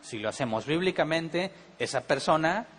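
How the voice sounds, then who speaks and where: A man's voice: fairly high pitch, animated, moderate pace, fairly bright tone, a little hiss or hum. A man with a Monterrey Mexican accent, a pastor teaching a Bible study in a conversational way, asking rhetorical questions. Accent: Monterrey Mexican Spanish.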